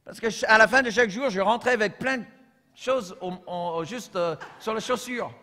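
A man from the United States with an American accent, preaching a sermon as pastor, telling humorous stories and swinging from soft asides to shouted lines. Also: sits high, moderate pace. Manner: humorous storytelling. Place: church. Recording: long church reverb.

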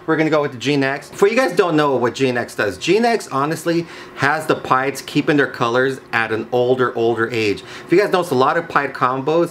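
A man's voice: a little high, a bit bright. A man in his thirties or forties talking casually and enthusiastically to viewers as he presents animals, with slangy superlatives. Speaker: snake breeder presenting his collection. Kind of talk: casual video showcase to viewers. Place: small indoor reptile rack room. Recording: noisy room ambience.

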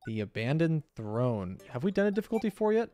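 A man's voice: fairly high pitch, big pitch swings, brisk, dark tone, soft background music. A man hosting a gaming video, giving casual, off-the-cuff commentary as he plays. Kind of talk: casual let's-play commentary.

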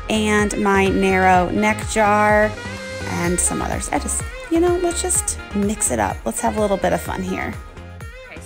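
Chatty woman in her thirties, music behind. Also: medium pitch. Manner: chatty, upbeat, talks while working in the kitchen. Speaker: DIY homemaking vlogger. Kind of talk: casual how-to narration. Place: home kitchen and laundry room. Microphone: phone held at arm's length.

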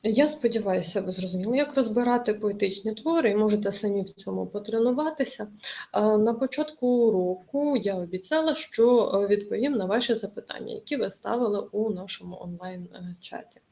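A woman's voice: mid-range voice, fairly quick, darkish tone, rough recording. A woman teaching an online exam-prep lesson, explaining carefully with many hesitations.

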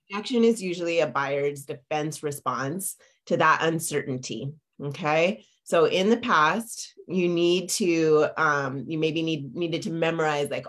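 Here a low-pitched woman in her forties coaches business clients live over a video call, captured by her webcam in a home office. A lingering cough and mild congestion color her chatty, filler-heavy delivery, full of tag questions, in this live-streamed coaching talk.

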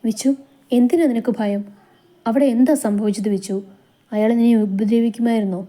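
A woman's voice: fairly high pitch, fairly quick, dark tone, lightly acted. A caring young man, read by a woman. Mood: earnest. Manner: earnest and consoling.

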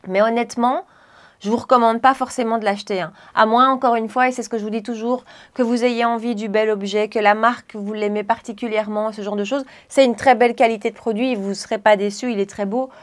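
A woman's voice: a little high, fairly even intonation, quick pace. A woman beauty vlogger chatting casually to camera, gushing and chatty, with frequent fillers.

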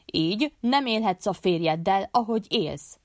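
A woman reading an audiobook voices a harsh, domineering older male sheikh who barks orders and shouts. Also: medium pitch, expressive, no room sound, clean studio sound, natural voice. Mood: furious.

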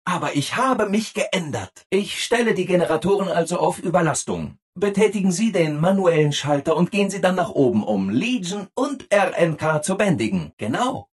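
A man's voice: fairly high pitch, lively intonation, moderate pace, husky. A man voicing a relentlessly cheerful, eager-to-please security robot in a video game, chirpy and exaggeratedly obliging. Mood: upbeat, eager. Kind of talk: video game character acting.

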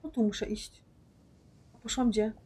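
Commenting on her game for an audience, this woman streamer keeps up casual, chatty let's play talk and frequently loses track of where to head. She speaks at normal speed in a slightly high, slightly rough voice with a dark tone.

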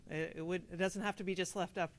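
A woman's voice: on the low side, steady tone, quick pace. A woman on a discussion panel, reflective and searching, posing questions aloud into a handheld mic. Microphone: handheld microphone.

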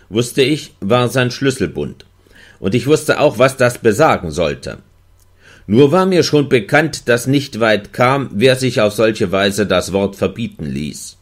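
Man reading a novel aloud. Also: mid-range voice. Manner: measured, expressive first-person reading. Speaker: audiobook reader. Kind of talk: literary audiobook narration.

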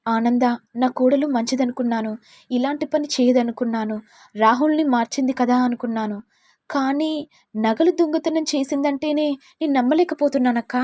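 A woman's voice: high-pitched, normal speed, darkish tone, no room sound. A woman voicing a disappointed, grieving older matriarch in a sorrowful way.

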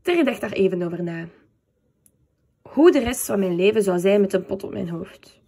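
A woman's voice: mid-range voice, normal speed, gravelly, warm tone, husky. A woman narrating a children's audiobook expressively, with comic timing.

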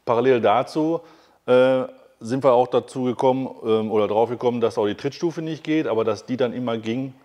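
A chatty man hosts a relaxed interview, standing beside a motorhome in a big workshop hall. He talks eagerly, restarts his sentences and fills the gaps with little sounds, at a medium pitch. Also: fairly quick. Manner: chatty, enthusiastic, many fillers and restarts. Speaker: host. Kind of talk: casual interview.

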